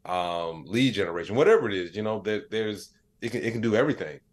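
Speaking fast in a fairly low voice, this American AI educator and comedian is a podcast interview guest. He's a lively storyteller who performs the dialogue he quotes and keeps saying "like" and "you know" in a casual chat.

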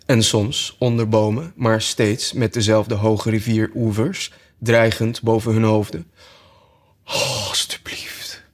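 A man narrating a children's classic as an audiobook in a calm, measured storytelling manner. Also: fairly low pitch.

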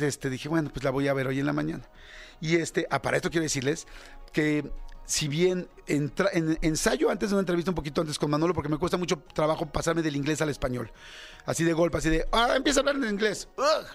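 A Mexican man in his fifties hosts a radio show, talking to his listeners in a loose, candid monologue with plenty of fillers and self-deprecating asides. His voice sits a little high for a man. Soft music plays faintly beneath him. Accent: Mexican Spanish. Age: 50s. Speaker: radio host. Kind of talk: casual reflective monologue.

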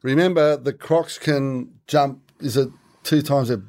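An Australian man co-hosts a fishing podcast, casually chatting, joking, teasing and telling stories. His medium-pitched voice is mellow, with fairly even intonation and a slightly slow pace.

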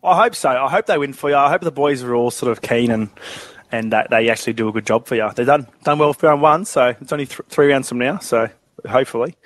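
A man's voice: medium pitch, fast. A man hosting a casual sports podcast, laid-back, with lots of fillers and laughter. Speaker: podcast host.

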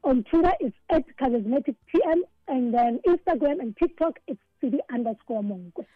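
A woman's voice: high voice, expressive, normal speed, no room sound, phone-quality sound. A South African woman, an author being interviewed on the radio, talking earnestly and often repeating words as she thinks. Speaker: author and guest.

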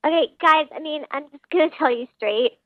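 Woman caller, voice changer morphing her voice way up high, thin phone line, blunt and unapologetic. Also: brisk, no room sound. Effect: voice changer disguising her voice. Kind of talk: radio call-in chat.

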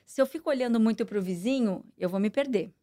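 Earnest Brazilian woman, fairly high voice. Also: mellow. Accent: Brazilian Portuguese. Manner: earnest, measured, many fillers. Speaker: interview guest, politician. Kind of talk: conversational interview.

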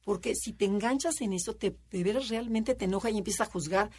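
A woman's voice: fast, darkish tone, husky. A woman co-hosting a casual radio talk show, chatty and explaining with examples. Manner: chatty, acts out quotes in a high voice. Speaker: radio co-host.

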